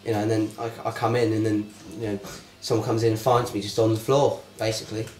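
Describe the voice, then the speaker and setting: A man's voice: on the low side, flat delivery, quick pace, darkish tone. A man describing his role in a rambling, hesitant way. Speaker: actor. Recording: echoey room.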